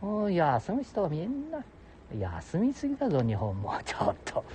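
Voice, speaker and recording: Gruff older man, heavy ramble. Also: sits high, huge pitch swings, moderate pace, a little mellow, a little hiss or hum. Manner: gruff, jokey, talks to listeners as "お前". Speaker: solo audio show host. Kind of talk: rambling casual monologue. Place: outdoors beside a public toilet.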